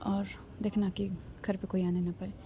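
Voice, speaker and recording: A woman voicing a young woman who brushes off questions and soothes her partner in a calm, reassuring way. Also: medium pitch, normal speed, slight background noise, lightly acted.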